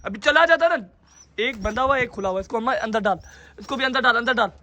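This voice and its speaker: A man's voice: very high-pitched, brisk, sharp tone. A young man chatting casually in a pet vlog, coaxing and scolding a child while handling birds by the cages. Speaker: pet vlogger.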